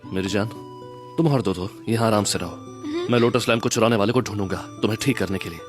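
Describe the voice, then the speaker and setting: Man playing a low-voiced, tender, reassuring Dragon Lord, fantasy dub. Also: animated, fast, soft background music, lightly acted. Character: gentle, powerful male Dragon Lord, a loving father. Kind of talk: Hindi dub of a fantasy drama.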